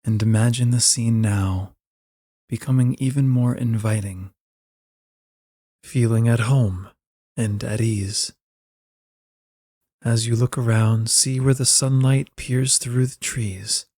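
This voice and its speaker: In a studio-quality recording with no echo, a male meditation narrator guides listeners to relax at a very slow pace. His mid-range voice is soft, even and mellow with a dark color, and he phrases things gently, like careful instructions for calming down.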